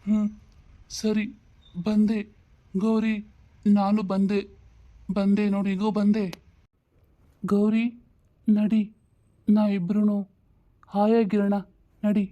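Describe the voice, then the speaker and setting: A woman voicing an ailing old father, weary and longing for his late wife, speaking slowly and pleadingly. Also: mid-range voice, monotone, mellow, dull audio, lightly acted.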